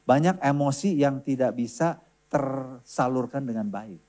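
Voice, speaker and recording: A man's voice: mid-range voice, unhurried, mellow. A middle-aged man, a preacher and counselor, giving an earnest church sermon, stressing each point and often adding a questioning "ya". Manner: earnest, emphatic, repeats points, often adds "ya".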